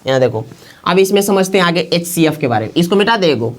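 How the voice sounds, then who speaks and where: A woman's voice: on the low side, animated, fast. A woman teaching math to a class at the board, often asking the students to check along. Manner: asks the class constant check questions.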